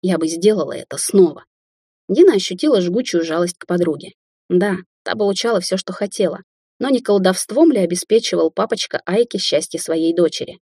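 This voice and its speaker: A woman reading an audiobook as narrator, in a calm, even reading. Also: mid-range voice, fairly quick, husky, dry recording, clean studio sound. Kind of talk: scripted narration.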